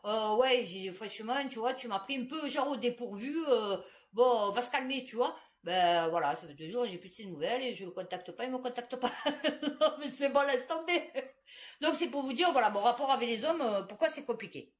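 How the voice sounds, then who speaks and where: A woman's voice: a little high, animated, a little fast. A woman, telling a personal story to the camera in a blunt, crude, chatty way, breaking into laughter often.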